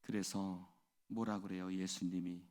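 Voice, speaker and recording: A middle-aged pastor preaching an early-morning church sermon, animated and full of rhetorical questions to the congregation. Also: male voice, sits low, unhurried.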